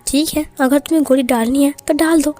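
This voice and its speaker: A woman's voice: high-pitched, fairly even intonation, fairly quick, mellow, soft background music, natural voice. A woman voicing a cheerful, lovestruck young man who sweetly insists on his feelings.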